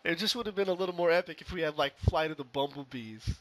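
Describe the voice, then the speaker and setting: A man's voice: a little high, fast, fairly bright tone, slight background noise. Man getting over a cold, hosting a podcast. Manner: easygoing and joking, many fillers. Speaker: podcast host. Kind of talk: relaxed podcast chat.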